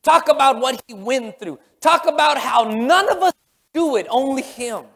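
With an extremely high-pitched, animated voice at a moderate pace, a middle-aged man delivers a sermon on a church stage. He repeats himself emphatically, shifting from loud cries to quiet murmurs, and the big sanctuary gives off a long hall reverb.

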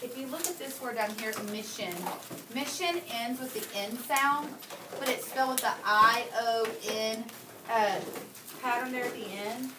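A woman's voice: fairly high pitch, measured pace. Patient teacher woman, echoey room. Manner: patient, explains step by step with fillers. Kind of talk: spelling lesson explanation. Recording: echoey room, noisy, mic far off.

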